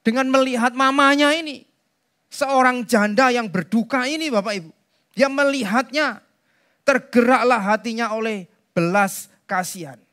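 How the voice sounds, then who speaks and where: A man's voice: very high voice, bright, forceful tone. A man preaching to his congregation. He talks in a loose, conversational way, speaks to them directly and drops in asides. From Indonesia. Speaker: pastor. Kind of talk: sermon.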